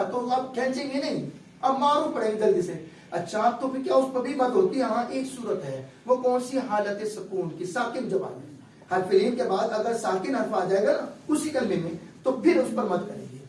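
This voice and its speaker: A male recitation teacher with a very high, darkish voice lectures his class patiently, explaining step by step and frequently checking that students follow. Recorded in an echoey room with a distant mic and a faint hum.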